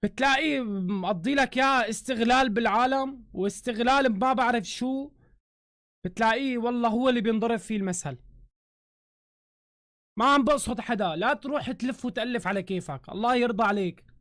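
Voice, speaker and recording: A Syrian man with a Syrian Arabic accent, ranting heatedly on a live stream, swearing oaths and shouting in bursts. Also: very high voice, fairly quick, no echo, clean studio sound. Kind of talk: angry live-stream rant. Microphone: phone camera.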